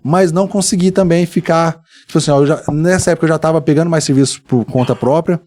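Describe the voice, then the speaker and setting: Fast-talking Brazilian man telling stories. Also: a little high. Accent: Brazilian Portuguese. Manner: animated, acts out dialogue in his stories. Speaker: guest. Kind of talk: storytelling in a casual podcast interview.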